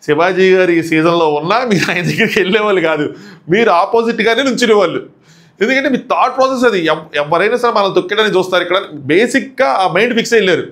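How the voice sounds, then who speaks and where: A man's voice: high-pitched, fairly bright tone. A man reviewing a reality show, animatedly acting out quoted exchanges as he recaps them.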